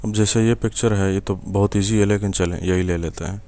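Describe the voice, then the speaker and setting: A young Pakistani man with an Urdu accent gives a screen-recorded software tutorial at his desk, speaking in a very deep, smooth, resonant voice with fairly even intonation. He teaches patiently step by step, pausing on fillers and checking in with the viewer along the way.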